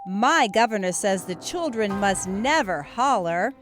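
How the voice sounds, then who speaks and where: A woman's voice: medium pitch, expressive, a little slow, faint music behind, natural voice. A woman voicing a polite, proper young girl who speaks primly. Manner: prim and polite.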